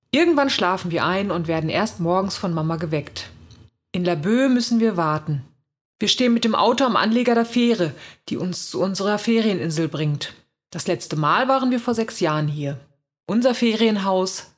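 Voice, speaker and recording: Husky woman reading a storybook. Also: mid-range voice. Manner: lively, expressive reading. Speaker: reader. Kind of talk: first-person storybook narration.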